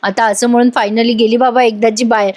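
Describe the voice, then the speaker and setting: A woman's voice: on the high side, little pitch movement, a little fast, darkish tone. A woman narrating a voice-over recap of a TV serial episode, chatting with her audience directly. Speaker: TV serial reviewer.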